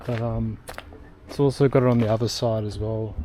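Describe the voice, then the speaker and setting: A young man narrates a travel vlog into a handheld camera as he hikes up a steep outdoor trail, short of breath. His voice is mellow and warm, and he rambles with plenty of ums and uhs. A faint hiss of outdoor noise sits behind him. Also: fairly low pitch, fairly even intonation, moderate pace. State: out of breath from hiking uphill. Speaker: travel vlogger. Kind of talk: casual walking vlog narration.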